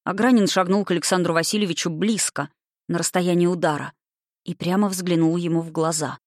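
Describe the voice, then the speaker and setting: A reader narrating a historical romance audiobook in a measured, expressive way. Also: mid-range voice, dry recording, studio quality.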